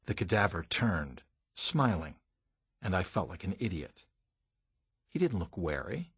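A man's voice: sits low, sing-song, unhurried, a bit bright, slightly rough, dry recording. A man reading a first-person audiobook, telling the story in a dramatic, vivid way. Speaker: audiobook narrator.

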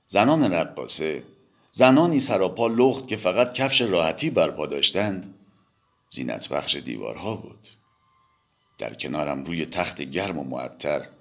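A man with a deep, gravelly voice reads a novel aloud as a dramatic audiobook. His delivery swings widely in pitch and carries a husky edge, telling the tale in the first person as if speaking straight to a companion. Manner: expressive first-person storytelling addressed to a listener. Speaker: audiobook reader.

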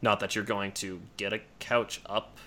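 A man improvising narration as a tabletop game master in a halting, descriptive way. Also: lowish voice, little pitch movement, pushed and bright.

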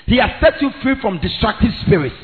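Through a thin, phone-like recording with music behind it comes a Ghanaian man preaching with great fervour. His high voice is emphatic and repetitive, and he moves between English, Twi and Ghanaian pidgin as he drives his points home. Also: sing-song, fairly quick. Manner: emphatic, repetitive, rising to shouts. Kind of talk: impassioned evangelistic sermon.

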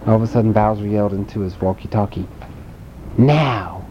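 A man with a low voice spins a playful bedtime story, tossing in sound effects and questions for his listener. It is recorded lo-fi and dull, with a faint rumble underneath. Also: little pitch movement, very fast, mellow.

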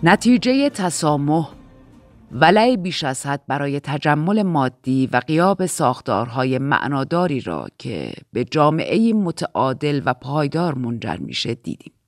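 A woman reading an audiobook, voicing a stern middle-aged male commander who lectures slowly and coldly. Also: sits low, sing-song, no echo, studio quality, faint music behind. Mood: lecturing.

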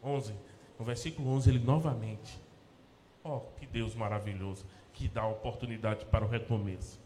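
A man with a Brazilian Portuguese accent, a pastor preaching a sermon in church, rising to loud emphatic peaks and dropping to soft, low asides. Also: fairly even intonation, normal speed, slight background noise. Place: church sanctuary. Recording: echoey church hall with long reverb.

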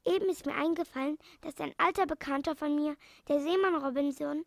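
A woman reads aloud a gentle, kindly old animal doctor from a children's storybook, speaking soothingly in a high voice with a gravelly edge. The sound is close and dry, brisk in pace, with no room sound.

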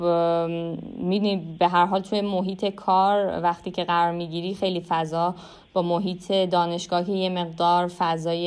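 A young woman with an Iranian Persian accent talks as an interview guest. Her voice is clean and smooth, sitting a little low for a woman. She answers conversationally and reflectively, hesitating and stretching her pauses. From Iran. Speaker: interview guest, animation artist.

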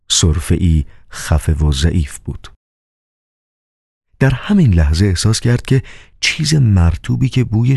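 Man, audiobook narrator, calm measured reading, very deep voice, dry close sound. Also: no room sound. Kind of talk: scripted narration.

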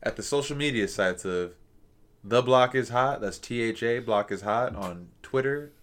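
A man's voice: mid-range voice, normal speed, a bit bright. A man co-hosting a podcast, explaining and joking crudely in casual chat. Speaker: podcast co-host.

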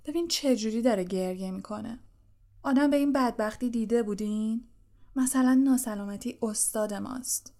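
A woman's voice: on the high side, dark tone, close to an everyday voice. Malfoy, sneering spiteful schoolboy, read by a woman. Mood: mocking. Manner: mocking. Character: sneering, spiteful rich teenage boy. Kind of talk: audiobook character voice.

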